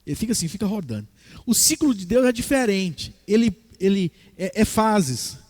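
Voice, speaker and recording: Man, church pastor mid-sermon; high, lively husky delivery. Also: moderate pace. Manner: animated preaching, acting out voices of God and the devil.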